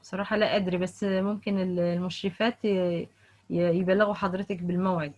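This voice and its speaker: A woman's voice: lowish voice, level tone, a little fast, a little mellow, lo-fi sound. A woman teaching Quran pronunciation online, patiently repeating each point. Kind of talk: online tajweed lesson.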